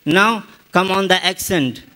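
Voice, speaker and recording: A man with an Indian English accent teaches spoken English, his high-pitched voice pushed and bright. He takes his time explaining and keeps repeating examples.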